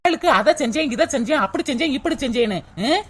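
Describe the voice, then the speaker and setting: A woman doing a sharp-tongued young daughter-in-law in a cartoon. She fires back cheeky retorts quickly in a high voice and never backs down. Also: animated. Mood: defiant. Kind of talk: cartoon dubbing.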